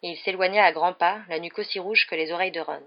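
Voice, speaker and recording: A woman narrating a novel aloud in a measured, steady way. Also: on the low side, highs cut off. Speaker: reader. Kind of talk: audiobook narration.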